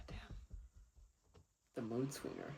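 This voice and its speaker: A man's voice: mid-range voice, creaky, noisy background. A young man co-hosting a podcast, answering in a hesitant way with many fillers. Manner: hesitant, lots of ums, laughs along. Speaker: podcast co-host. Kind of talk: casual comedic chat.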